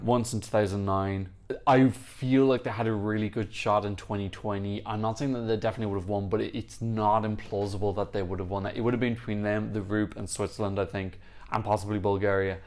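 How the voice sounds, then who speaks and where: The host of a Eurovision music reaction channel, a young man, talks excitedly and gushes while casually analyzing what he hears. He has a lowish voice with a darkish tone.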